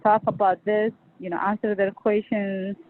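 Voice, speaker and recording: Woman nonprofit worker, relaxed and conversational, dialed in on a thin phone line. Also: mid-range voice, normal speed. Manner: casual, conversational, um fillers. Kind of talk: casual remarks on a video call. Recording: phone-like, faintly noisy line.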